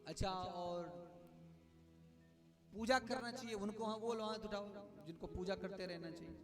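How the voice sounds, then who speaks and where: High-voiced male preacher over loud music. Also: steady tone, normal speed. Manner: storytelling, putting questions to the audience, joking. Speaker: Bhagavat Katha preacher. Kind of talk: devotional sermon with storytelling. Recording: live with loud accompanying music.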